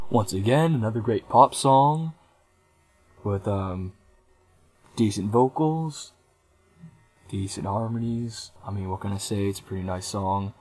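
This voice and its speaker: A man's voice: fairly low pitch, a little mellow. Rambling young man reviewing albums. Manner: rambling, hesitant with many ums. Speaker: music reviewer. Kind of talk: casual album review vlog.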